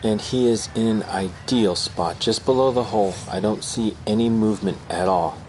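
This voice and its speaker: A man's voice: lowish voice, moderate pace, background noise, natural voice. A man giving golf commentary as an on-course reporter.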